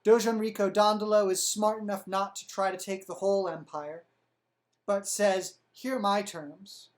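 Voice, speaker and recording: A woman hosting a history show, narrating with wry, sarcastic humor and lively asides. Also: mid-range voice, moderate pace. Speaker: host.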